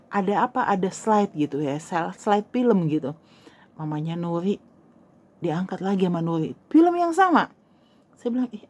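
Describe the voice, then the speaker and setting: An older woman casually telling a personal story, acting out what people said and dropping to a whisper at tense moments. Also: mid-range voice. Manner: animated, acts out quoted dialogue, drops to whispers. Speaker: storyteller host.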